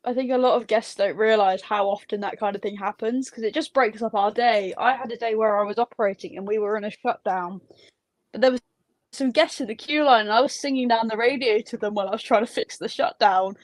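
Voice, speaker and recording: A woman's voice: on the high side, fairly quick, no room sound. A woman theme park ride operator, chatting candidly as a guest in a studio interview. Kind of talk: casual interview chat.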